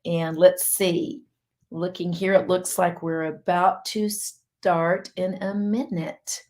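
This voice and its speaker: Chatty middle-aged woman doctor, light Southern accent, lowish voice, loose live-stream delivery. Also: flat delivery, slow, a little mellow. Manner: chatty, rambling, laughs easily. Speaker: physician hosting a live online health session. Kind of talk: casual live-stream chat.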